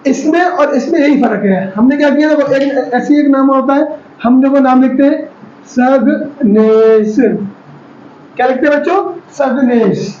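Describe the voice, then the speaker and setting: Man, high voice, patient teacher quizzing children, drawn-out syllables, roomy dull lo-fi recording. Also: darkish tone, slight background noise. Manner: keeps quizzing the children and checking they follow; stretches out syllables when sounding out names. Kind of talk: spelling lesson for children.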